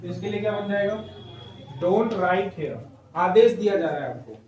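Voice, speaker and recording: A man's voice: sits high, lively intonation, measured pace, a little mellow, slight background noise. A male teacher giving a grammar lesson, explaining step by step and checking in with the class often. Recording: echoey room, mic at a distance.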